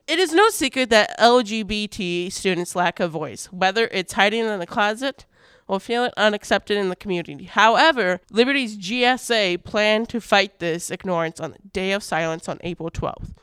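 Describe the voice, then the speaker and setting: A teenage boy hosting a school morning radio show, with a bright, sharp voice and very clean diction. He reads the news in an upbeat way and keeps slipping in playful asides. The studio sound is dry and close. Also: high-pitched, expressive, moderate pace, clean tone, no echo. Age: teens. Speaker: student radio co-host.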